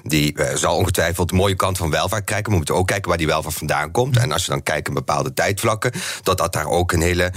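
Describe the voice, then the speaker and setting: Casting note: very low male voice, quick explanatory delivery, dry mic. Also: fairly bright tone, no room sound. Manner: measured, explanatory with fillers. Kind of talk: political debate.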